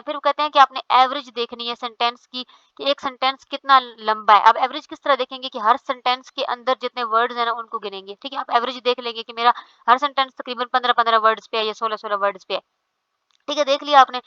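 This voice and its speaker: Bright, crisp woman lecturing step by step. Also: on the high side, dry recording, lo-fi sound. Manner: explains step by step, often says "theek hai". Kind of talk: explaining a lecture.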